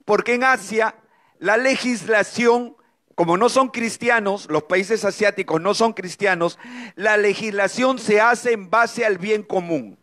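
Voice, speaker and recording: High-pitched middle-aged man, church testimony, emotional preaching with dramatic pauses. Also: fairly bright tone. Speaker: speaker giving a testimony.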